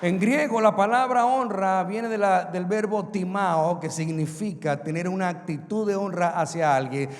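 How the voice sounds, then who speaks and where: Pastor, male, high-pitched, big swings in volume, reverberant hall. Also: normal speed, hardly any pauses. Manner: preaching with sharp swings between loud and quiet. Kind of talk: sermon.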